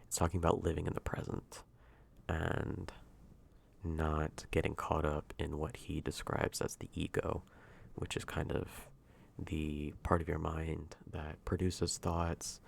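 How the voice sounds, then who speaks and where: Very deep, hushed man, ASMR role-play. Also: flat delivery, takes it slowly, creaky, a little hiss or hum. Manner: hushed, intimate, near-soft voice at times. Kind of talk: soft-spoken ASMR ASMR role-play, casual rambling.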